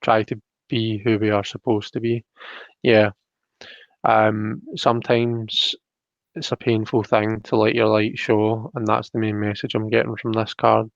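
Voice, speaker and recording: A man with a lowish, gravelly voice speaks at a measured pace in a level tone. He hosts a live tarot reading show and chats casually on the stream, sounding tentative and apologetic. The home live-stream audio is muffled and roomy.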